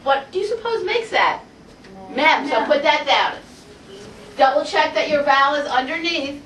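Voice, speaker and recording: A woman teaching a Hebrew phonics lesson to a class, energetic and coaxing, asking the group question after question. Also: high-pitched, moderate pace, slight background noise. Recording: roomy classroom audio from far off.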